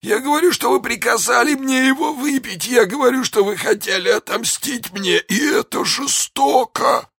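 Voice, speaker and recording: A man voicing a poisoned young soldier dying in agony, crying out shrill accusations. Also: normal speed, hardly any pauses, a bit bright, slightly rough, no room sound, studio quality, full character voice. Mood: anguished accusing. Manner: shrill desperate accusing cries. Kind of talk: audiobook character voice.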